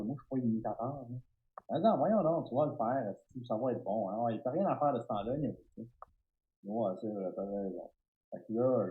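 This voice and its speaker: A middle-aged man with a Québécois French accent, a guest telling stories in an interview, animated and stumbling over restarts. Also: mid-range voice, gravelly, narrow, tinny audio. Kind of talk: storytelling interview.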